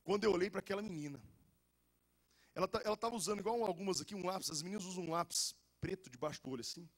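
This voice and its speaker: A young adult man, a pastor with a Goiás accent, preaching a lively sermon full of jokes, stories and casual slang. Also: high-pitched, rapid-fire. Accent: Goiás Brazilian Portuguese. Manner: animated and joking, with casual slang.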